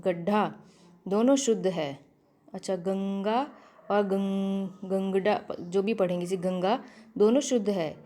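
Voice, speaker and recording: A woman's voice: mid-range voice, warm tone. A woman teaching an exam-prep grammar lesson from her notes, saying each word twice and correcting her own slips.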